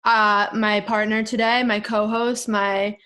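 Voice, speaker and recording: Host casting: young woman, bubbly and teasing, unhurried delivery, easy laughs. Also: medium pitch, little pitch movement, bright, forceful tone, smooth. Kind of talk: casual video interview.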